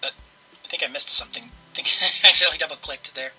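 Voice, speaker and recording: A man's voice: a little high, fast talker, pushed and bright, soft background music, low-quality recording. A man hosting a let's play, casually commentating and reading game narration aloud.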